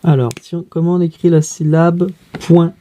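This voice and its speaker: A woman teacher guiding pupils through a reading workbook, spelling letters out slowly and carefully. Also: fairly low pitch, fairly even intonation, mellow.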